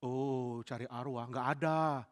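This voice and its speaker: A man preaching while voicing a nervous, secretive female spirit medium who talks in a hushed, furtive way. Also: mid-range voice, steady tone, measured pace, pitched below the performer's own voice, lightly acted. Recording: reverberant church hall.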